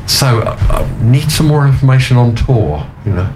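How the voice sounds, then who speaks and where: Against a noisy background, a man with a mid-range, sing-song voice hosts a casual radio show at a moderate pace from a venue studio on omnidirectional mics. His on-air chat rambles, full of puns and chuckles.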